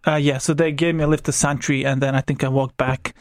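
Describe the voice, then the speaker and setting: A man's voice: mid-range voice, little pitch movement, fast talker, no echo, studio quality. A young man from Croatia with a Croatian accent, a guest on a radio interview, talking candidly and hesitantly with many restarts. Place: radio studio.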